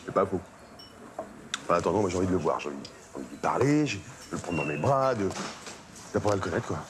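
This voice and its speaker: An actor playing an excited man who has just learned he is a father, talking emphatically. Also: low-pitched, quick pace, noisy background. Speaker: new father. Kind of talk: sitcom acting. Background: background music.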